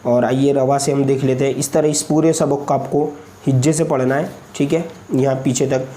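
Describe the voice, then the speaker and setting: Patient man drilling letters slowly. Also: mid-range voice, fairly even intonation, warm tone, a little hiss or hum. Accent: Indian Hindustani. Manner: patient, slow syllable-by-syllable drilling; frequent checking asides. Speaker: Quran reading teacher. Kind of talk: step-by-step recorded lesson.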